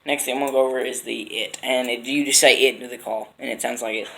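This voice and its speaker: A man giving an informal how-to demonstration as an instructor, explaining in a halting, unpolished way. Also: medium pitch, fairly even intonation, creaky, heavy background noise. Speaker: instructor demonstrating duck and goose calls.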